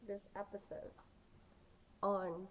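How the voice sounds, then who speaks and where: A woman's voice: medium pitch, little pitch movement, slow pace, a little hiss or hum. A woman speaking earnestly and directly to her viewers in a casual, heartfelt monologue about acting and life. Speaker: vlogger giving acting advice. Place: lying down at home.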